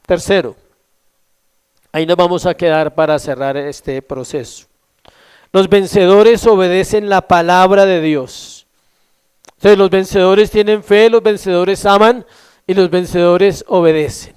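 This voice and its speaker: A male pastor preaching a sermon, asking the congregation questions and answering them himself, stretching key words slowly for emphasis. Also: high-pitched, darkish tone, clean tone.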